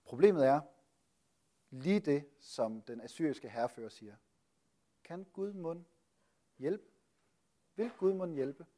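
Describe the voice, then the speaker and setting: Man teaching a Bible lesson with a slightly high voice. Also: expressive, pauses often, dark tone. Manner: rhetorical questions, frequent hesitations. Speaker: preacher.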